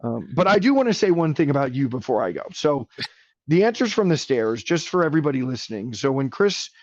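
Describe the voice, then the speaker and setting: A man's voice: mid-range voice, sing-song, a little fast, darkish tone, no echo, muffled recording. A man speaking as a podcast guest in casual conversation, earnest and enthusiastic, rambling a little as he talks.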